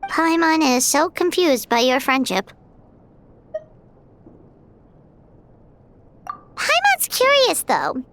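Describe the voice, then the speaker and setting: A woman's voice: sits high, wildly swooping pitch, measured pace, a bit bright, heavily acted. A woman voicing a tiny, cheerful, eager childlike fairy companion in a video game, with a perky, nosy manner. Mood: curious. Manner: refers to self in third person, perky. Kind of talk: animated game voice acting.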